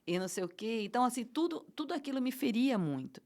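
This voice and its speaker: Fast and very animated, with a fairly high pitch and a slightly mellow quality, a middle-aged Brazilian woman speaks Portuguese as a guest. This event producer gets passionate and emotional in the casual interview, tripping over restarts and fillers.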